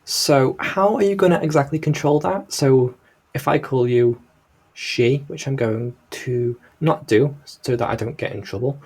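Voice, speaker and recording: A man's voice: mid-range voice, unhurried, a little mellow, husky. A man with a Liverpool Scouse accent giving casual, rambling, disapproving commentary in a hesitant way. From Liverpool, England. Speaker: reaction video host.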